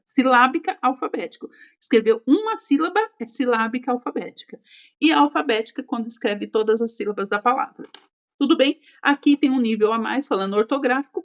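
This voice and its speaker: A woman teaches an exam-prep class in a slightly high voice. She explains each point step by step and keeps checking in with quick questions to her students.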